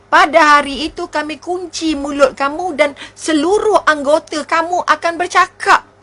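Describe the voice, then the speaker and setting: A woman's voice: sits high, fairly even intonation, normal speed, bright, forceful tone. A woman with a Malaysian Malay accent giving an emotive religious talk, full of rhetorical questions and exclamations. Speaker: religious speaker.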